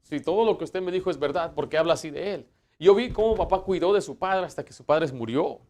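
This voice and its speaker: A man delivers a church sermon with a voice that sits a little high. He hammers his points emphatically, then sinks into hushed asides, often restarting his sentences as he goes. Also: fairly quick. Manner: emphatic preaching, rising for Bible quotes and dropping to hushed asides; fillers and restarts. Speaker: pastor.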